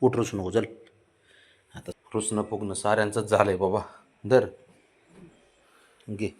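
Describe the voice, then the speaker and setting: A man's voice: fairly low pitch, fairly even intonation, unhurried, slightly rough. An older man, the grandfather, coaxing and babying the family cat in a casual home video.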